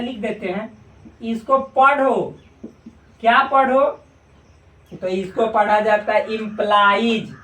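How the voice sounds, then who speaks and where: A man's voice: extremely high pitch, a bit bright, distant mic. Male maths teacher, chatty and jokey, drags out key words, heard from across a roomy class. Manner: joking, colloquial, drawn-out repetitions. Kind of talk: casual classroom lecture. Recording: echoey room, voice from afar.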